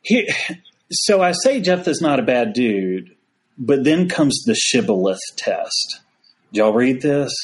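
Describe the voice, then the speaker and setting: A man's voice: mid-range voice, very animated, slow. Man, folksy storyteller, priest on a podcast, casual chat. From United States. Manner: folksy storyteller, frequent "y'all". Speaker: Episcopal priest, podcast guest.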